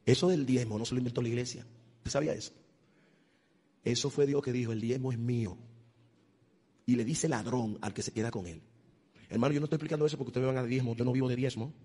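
A male pastor preaching an animated sermon, acting out voices and rising to loud, high exclamations. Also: fast, slightly rough. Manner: acts out voices of God and churchgoers. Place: church. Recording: long hall reverb.

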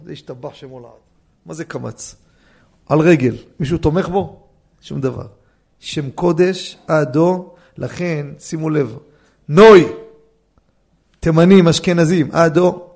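Animated rabbi, gravelly high voice. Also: male voice. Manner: animated, fires rhetorical questions at listeners. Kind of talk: Torah law lecture. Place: study hall class.

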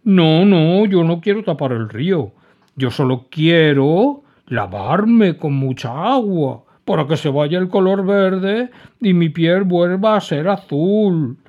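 A man's voice: fairly high pitch, expressive, slow, pitched above the performer's own voice. A man doing a big sobbing dragon. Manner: wailing, sobbing, whiny. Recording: dull lo-fi recording.

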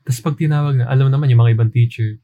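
A man co-hosting a casual podcast, relaxed and laughing often while telling anecdotes. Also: mid-range voice, very fast, phone-quality sound. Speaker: podcast co-host. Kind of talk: casual storytelling chat.

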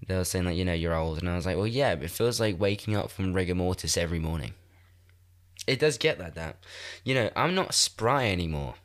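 With a deep voice, lively intonation, and a slightly quick delivery, a congested young man in his twenties runs a solo podcast. He swears and rambles self-deprecatingly into a desk microphone from his room in a shared house.

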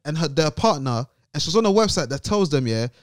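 A man's voice: fairly high pitch, sing-song, fast, dry recording. A young man with an urban London roadman accent, hosting casual group banter in a slangy, exasperated ranting manner. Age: young adult. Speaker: podcast host.

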